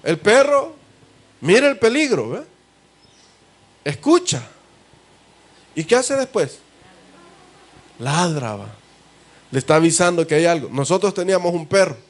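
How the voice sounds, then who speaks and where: A man's voice: high voice, big pitch swings, a little slow, pauses often. A man with a Salvadoran accent preaching a sermon as pastor, talking conversationally and asking the congregation rhetorical questions. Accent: Salvadoran Spanish. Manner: conversational, asks the congregation rhetorical questions and calls them brother.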